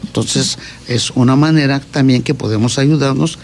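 A man's voice: mid-range voice, moderate pace, vocal fry, a little hiss or hum. A man explains diet and health as a guest, repeating words as he gathers his thoughts and often checking in with a questioning "¿sí?".

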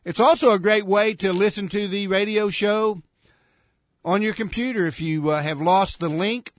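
A man hosts a casual radio show in a bright, high voice. He rambles warmly through announcements with plenty of fillers. The sound is dry and close, as in a small studio. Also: normal speed, no echo. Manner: rambling, friendly, many fillers.

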